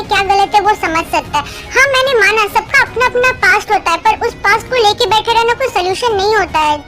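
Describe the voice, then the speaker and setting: A woman voicing a stern but caring older sister who scolds and lectures her brother, in a fan dub drama. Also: extremely high pitch. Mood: scolding. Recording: background music under voice. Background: music.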